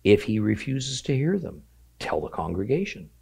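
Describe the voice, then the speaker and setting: Gravelly, lively-voiced Bible teacher, a man. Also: fairly low pitch. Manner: stresses key phrases by slowing down. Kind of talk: scripture reading and teaching.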